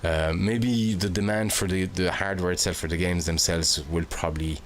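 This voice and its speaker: Low-voiced man in his forties, reflective. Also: steady tone, normal speed, a little hiss or hum. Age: 40s. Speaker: podcast host. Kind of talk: casual conversation.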